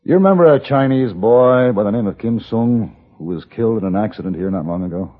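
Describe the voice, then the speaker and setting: An actor narrating and playing a cool, terse male gunman in an old radio western, measured and clipped. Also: lowish voice, lively intonation. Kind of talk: 1950s radio drama narration and dialogue. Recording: muffled old radio with music.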